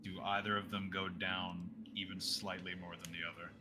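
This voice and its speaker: A man's voice: deep voice, flat delivery, normal speed, noisy background. A man casually playing a character in a tabletop game, talking in a blunt way. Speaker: player.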